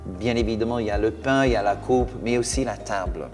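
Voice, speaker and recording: A man's voice: fairly low pitch, quick pace, darkish tone. A man, a pastor preaching and leading a communion prayer with fervent, exclamatory speech full of restarts. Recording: long hall reverb. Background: faint music.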